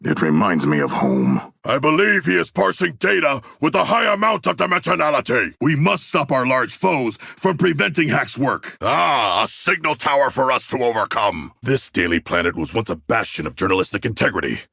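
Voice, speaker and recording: An actor playing a huge, proud, bookish male shark warrior in a video game, speaking in formal, stilted, literal-minded phrases with a gravelly, husky voice. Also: medium pitch, big pitch swings, normal speed, few pauses, pushed and bright, no room sound, studio quality, heavily acted. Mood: earnest, matter-of-fact. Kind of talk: video game character voice lines.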